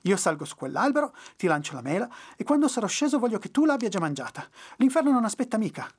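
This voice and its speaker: A storyteller voicing the devil, an impatient male demon in a young man's form, haughty and quick to anger. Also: medium pitch, breathy edge, voice pushed up. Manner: calm and haughty, bursting into furious shouts. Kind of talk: storybook reading.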